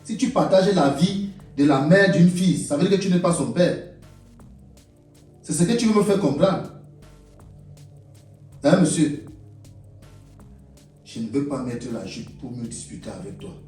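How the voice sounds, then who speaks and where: A man's voice: on the high side, animated, a little slow, long pauses, a little mellow. A man with a Cameroonian French accent playing a stern, blustering older stepfather who keeps scolding. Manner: scolding, repeats himself, demanding. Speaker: stepfather in a comedy web series. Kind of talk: comedy web series acting. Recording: roomy echo, far from mic, light music.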